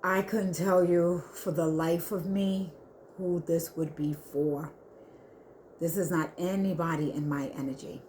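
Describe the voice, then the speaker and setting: A woman giving an earnest spiritual reading to her viewers, talking haltingly with many restarts. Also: fairly low pitch, fairly even intonation, darkish tone, a little hiss or hum. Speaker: spiritual reader. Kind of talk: intuitive spiritual reading to camera.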